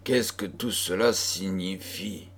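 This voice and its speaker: A man's voice: on the low side, animated, slow pace, darkish tone. A man voicing an anxious, tender young woman who pleads fearfully with her mother, in an audiobook. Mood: pleading.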